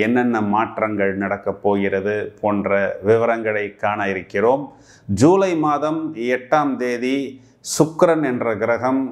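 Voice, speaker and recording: A man with a Tamil accent giving a monthly horoscope talk as an astrologer, explaining planetary movements in a measured, steady way. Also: medium pitch. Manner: slow, measured explanatory delivery.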